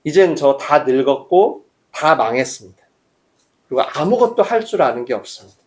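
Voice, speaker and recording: A man's voice: fairly high pitch, big pitch swings, moderate pace. A man preaching, voicing an old, humbled man who doubts himself and pleads in a self-deprecating way. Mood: pleading.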